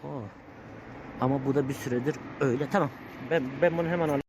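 A man's voice: mid-range voice, fast. A man vlogging outdoors as he feeds street animals, calling them over in a raised sing-song voice and scolding them playfully. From Turkey. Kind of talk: casual vlog commentary. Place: outdoors around his workshop. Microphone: handheld camera. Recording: noisy outdoor recording.

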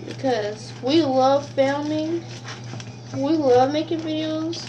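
A young woman with a high voice chats her way through a casual cooking vlog. She talks straight to her viewers from a small kitchen, with frying and sizzling noise clearly audible behind her on a camera set on the counter. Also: fairly even intonation, slow pace. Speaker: vlogger.

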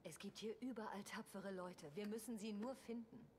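A woman's voice: medium pitch, moderate pace, a little mellow, slight background noise, close to an everyday voice. An actress voicing an earnest woman survivor in a post-apocalyptic video game. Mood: determined. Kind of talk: dramatic game voice acting.

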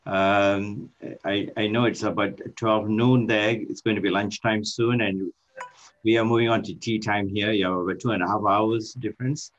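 An older man from Malaysia giving an online lecture as a guest professor, halting with many fillers and restarts, speaking on a video call from his office. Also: lowish voice, fairly even intonation. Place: office with shelves. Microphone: laptop microphone on a video call. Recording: muffled video call audio.

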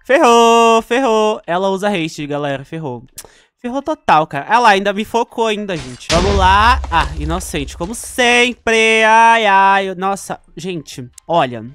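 A man's voice: sits high, expressive, unhurried, a bit bright, smooth. A young man with a Brazilian Portuguese accent, giving chatty gameplay commentary with dramatic outbursts. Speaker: gaming YouTuber.

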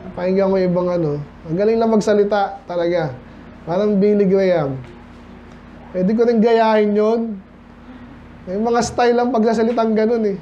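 A man's voice: high-pitched, moderate pace, pauses often, warm tone. A Filipino man preaching a midweek Bible study sermon in a conversational way, often asking the congregation questions. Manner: conversational, mixes English into Tagalog, asks the congregation questions. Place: church hall. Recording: dull lo-fi church recording with faint noise.

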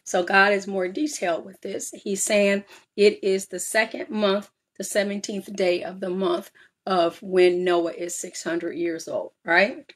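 A woman talking through a Bible passage in a relaxed, conversational way. She keeps checking in with "all right?" and "right?", drifts through "um"s, and moves between reading verses and explaining them as if to a small group. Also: medium pitch, a little slow. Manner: reads scripture aloud then explains with frequent "all right?" and "um". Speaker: Bible study teacher.

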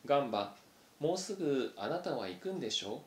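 A man's voice: medium pitch, very animated, fairly quick, a little mellow, lightly acted. A man reading aloud, voicing a young female mouse who pleads earnestly, recorded in a roomy space. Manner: pleading, emotional. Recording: roomy echo.

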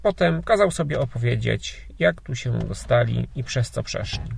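Gravelly male audiobook narrator. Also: medium pitch, animated, moderate pace, a little hiss or hum. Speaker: audiobook reader.

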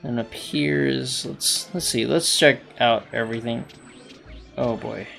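A man narrating his own gameplay in loose, halting let's play commentary, often trailing off and circling back. His voice has a gravelly, fry-tinged texture. Faint music runs underneath. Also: mid-range voice, fairly even intonation, fairly bright tone. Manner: rambling, hesitant, self-talking. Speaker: gaming channel host.

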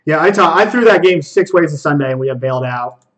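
Fairly high-pitched and animated, a young man narrates his card game stream live and casually. He talks through his thoughts, chides himself over his plays, and drops quick asides.

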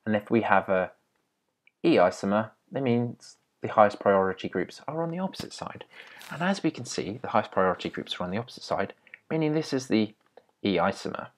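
A man's voice: fairly low pitch, animated, brisk. A young man teaching chemistry step by step in a patient, explaining way, with small restarts. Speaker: chemistry tutor. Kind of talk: explaining at a whiteboard.

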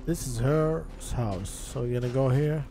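A man's voice: medium pitch, a little slow, music in the background. A man streaming gameplay, commenting casually in broken English with a friendly, chatty manner. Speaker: livestreamer.

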